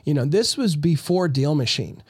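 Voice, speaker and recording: A man's voice: a little high, expressive, normal speed, slightly rough, no echo, clean studio sound. A man telling his business story as a guest in a casual interview, talking energetically and often restarting his phrases. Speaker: real estate investor guest.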